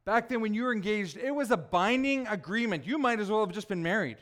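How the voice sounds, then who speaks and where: Talking fast in a high voice, this man delivers a relaxed, chatty sermon as a pastor, joking with his congregation and teasing individuals by name.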